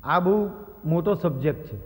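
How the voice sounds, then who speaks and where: A man's voice: a little high, animated, moderate pace. A man with a Gujarati accent telling comic anecdotes on stage as a stand-up comedian and mimicry artist, slipping into the voices of the people he quotes. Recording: stage recording with long hall reverb.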